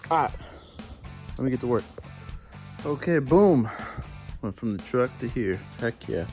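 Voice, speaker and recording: Over clear guitar music, a DIY truck repair vlogger with a darkish, mid-range voice and lively intonation walks viewers through a truck job unhurriedly. His talk is laid-back and slangy, treating viewers like buddies and addressing them as "boys."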